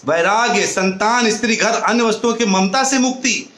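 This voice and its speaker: A man giving a devotional discourse in a high, bright voice, moving between storytelling and chanted verses. The room is echoey. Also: moderate pace. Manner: tells parables and chants mantras, with a light laugh. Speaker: preacher.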